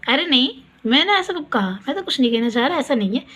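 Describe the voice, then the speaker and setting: A woman voicing her husband, a calm adult man who brushes off her questions. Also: sits high, fast, husky, exaggerated voice. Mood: calmly dismissive.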